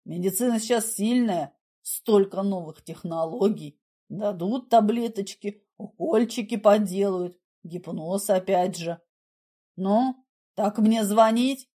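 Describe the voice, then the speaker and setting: Female narrator doing a low, cool, condescending man; dry mockery, never raises his voice. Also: dark tone. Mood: mocking calm. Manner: dry, mocking, unhurried. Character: calm mocking adult man, condescending.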